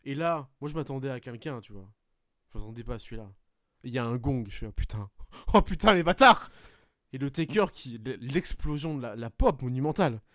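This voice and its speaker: A man hosting a podcast, swearing often as he retells a wrestling match in an animated play-by-play. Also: medium pitch, quick pace, dry recording, studio quality. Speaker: podcast host. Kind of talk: casual podcast chat, excited match recap.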